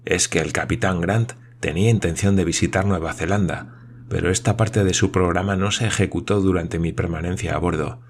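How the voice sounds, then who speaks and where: A man's voice: low voice, fairly even intonation, a little fast, a little hiss or hum. A man doing a sullen, curt boatswain villain. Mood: flat.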